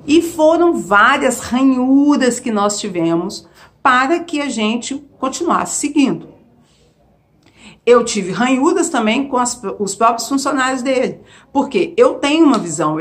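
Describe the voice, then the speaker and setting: A Brazilian woman vlogger telling a personal story in a casual, expressive way, full of emphatic asides and rhetorical questions. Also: on the high side, moderate pace. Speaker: vlogger sharing her caregiving experience.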